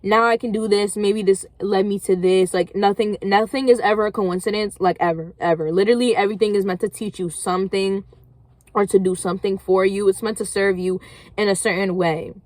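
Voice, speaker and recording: A woman's voice: mid-range voice, fairly even intonation, fairly quick, darkish tone, no echo. A young woman, talking casually in a vlog, encouraging viewers in a rambling way full of "like". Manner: rambling, heavy use of "like", encouraging. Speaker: vlogger. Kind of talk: casual motivational talk.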